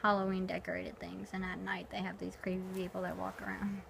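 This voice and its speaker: A young woman with a slightly creaky voice, talking casually in short personal remarks. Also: lowish voice, monotone, brisk, a bit bright, a little hiss or hum. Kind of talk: casual chat.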